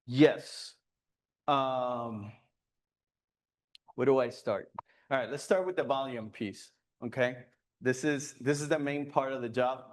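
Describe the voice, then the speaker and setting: This man has a mid-range voice, a slow pace, and frequent pauses. He's a guest presenting to a photography club in a meeting room, fielding audience questions while speaking loosely with plenty of fillers and false starts.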